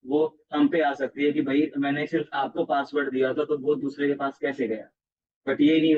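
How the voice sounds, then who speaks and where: A man's voice: mid-range voice, recorded from a distance. A man teaching networking in a classroom-style tutorial, often checking in with the listener as he explains. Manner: repeats "theek hai" and addresses the viewer constantly. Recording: dull sound from off the mic.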